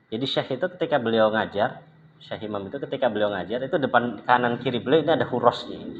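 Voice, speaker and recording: A man giving an informal religious lesson, telling stories in a lively way and acting out what others said. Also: muffled recording, slight background noise. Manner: animated storytelling, acts out quoted speech with pitch jumps. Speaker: religious teacher. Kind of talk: informal lecture with anecdotes.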